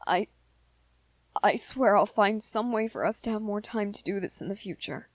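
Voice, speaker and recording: A woman voices a gentle, lovestruck young vampire man in a romantic ASMR roleplay, sounding earnest, reassuring, and hesitant with small stammers. Her mid-range voice moves at a moderate pace, natural and dryly recorded.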